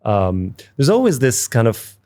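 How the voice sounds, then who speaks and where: A man raised in Dubai, hosting a podcast interview and thinking aloud about society in a relaxed, reflective way. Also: medium pitch, a little slow. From Dubai, UAE. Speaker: podcast host. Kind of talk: casual interview conversation.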